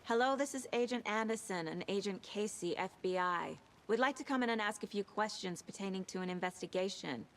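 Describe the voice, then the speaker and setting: An actress playing a composed female FBI agent in a video game, speaking calmly and observantly. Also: mid-range voice, brisk, few pauses, a little hiss or hum, close to an everyday voice. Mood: businesslike. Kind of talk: video game dialogue and inner monologue.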